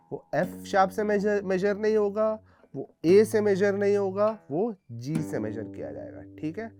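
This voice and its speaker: A high-pitched man teaches a guitar theory lesson, explaining patiently step by step and frequently checking in with his students.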